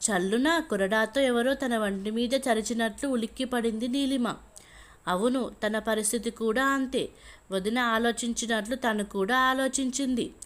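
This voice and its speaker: A woman storyteller reading a family story aloud in a steady, even way. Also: on the high side, normal speed. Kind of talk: scripted storybook narration.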